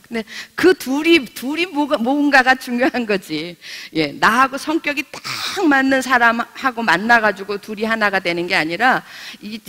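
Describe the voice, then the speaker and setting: Lively middle-aged woman teaching Bible study. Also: a little high. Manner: lively, chatty, asks the audience questions; laughs while telling stories. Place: church hall. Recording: long reverb of a church hall.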